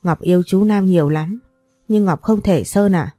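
A woman's voice: fairly low pitch, normal speed, dark tone, no echo, soft background music, lightly acted. A woman voicing a sassy fifteen-year-old girl who snaps back defiantly. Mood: tearful.

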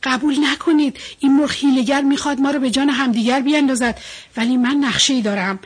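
Bold little fish, scornful and firm, high husky voice, woman reading. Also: steady tone. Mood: defiant.

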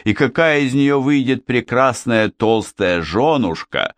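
A man's voice: mid-range voice, expressive, a little slow, no room sound, voice pushed up, close to an everyday voice. Man doing a jovial pompous penguin king. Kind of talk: audiobook character reading.

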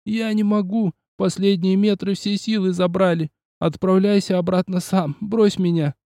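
A man voicing a young male tanuki shapeshifter in an audiobook, weary and pleading, in a higher strained voice. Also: steady tone, moderate pace, mellow, no room sound, studio quality. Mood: exhausted pleading.

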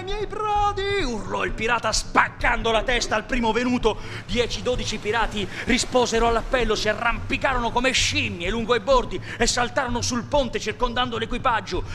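A man's voice: high voice, bright, forceful tone, slight background noise. A man giving a dramatic, driving reading of an adventure novel. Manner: vivid, driving narration. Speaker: reader.

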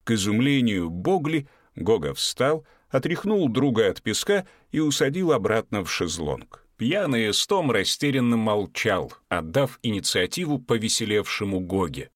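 A man reads an audiobook in a lowish voice with a very lively pitch. He tells the story expressively. The sound is dry and close. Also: moderate pace, no echo. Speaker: narrator. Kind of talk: audiobook narration.

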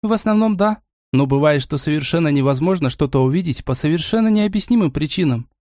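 A male narrator voicing a calm, gentle young princess who can see the future, speaking in a soft, mentoring tone. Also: a little high, quick pace, no room sound, studio quality, pitched above the performer's own voice, lightly acted.

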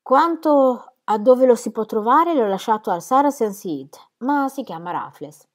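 A woman's voice: a little high, lively intonation, unhurried, darkish tone, pitched above the performer's own voice. A woman voicing a boastful, sarcastic male horse dealer who gossips with bluster.

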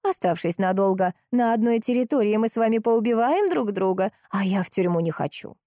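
A woman voicing a sharp-tongued, persistent older woman detective who is by turns sweet and cutting, in an audiobook. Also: mid-range voice, animated, a little fast, dry recording, studio quality, pitched above the performer's own voice, natural voice. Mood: coaxing.

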